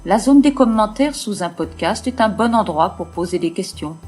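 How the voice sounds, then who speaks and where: A woman with a French accent reading a bilingual French and English lesson slowly and plainly in a blunt, outspoken manner. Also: mid-range voice, animated, darkish tone, slightly rough, faint music behind. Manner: slow, deliberate and outspoken. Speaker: podcaster teaching French. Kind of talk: scripted bilingual narration.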